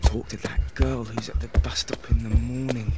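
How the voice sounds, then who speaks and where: In an audio drama inner monologue, an actor plays an anxious, self-deluding man who mutters clipped, repetitive resolutions to himself in a breathy half-whisper, in a mood of hopeful scheming. His voice is medium-pitched and flat at normal speed, lightly acted, over loud music.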